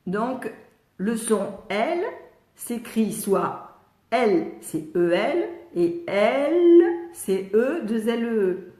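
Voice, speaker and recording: An older woman with a French accent, a speech therapist answering live questions, patiently sounding out letters and syllables and pausing often to read viewers' questions. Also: medium pitch, animated, a little mellow, reverberant. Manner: reads viewers' questions aloud, frequent hesitations. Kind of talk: live Q&A teaching.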